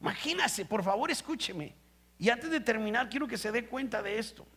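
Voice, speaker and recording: A male pastor delivering a sermon in a high-pitched, gravelly voice. He pushes up into loud, emphatic passages, then drops low and quiet, and keeps turning to the congregation with questions. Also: fairly quick. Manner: preaching with rising emphatic bursts and rhetorical questions. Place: church. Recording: live stream.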